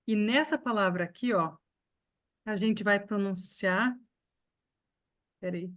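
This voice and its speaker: A woman teaching a live online pronunciation lesson, explaining patiently and repeating sounds slowly for her students. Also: medium pitch, a bit bright. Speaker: English teacher.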